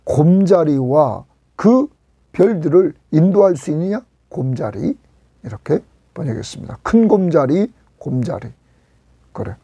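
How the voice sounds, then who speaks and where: A man's voice: a little high, very animated, a little slow, gravelly, warm tone, breathy edge, no echo, highs cut off. A male pastor giving a Korean expository sermon, emphatic, swinging up on questions and sinking to a near whisper at the ends of lines.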